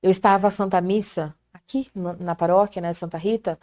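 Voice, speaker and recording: A woman's voice: fairly low pitch, fairly even intonation, a little fast, warm tone. Fervent Brazilian woman telling her story. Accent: Brazilian Portuguese. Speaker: prayer group guest. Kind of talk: casual testimony chat.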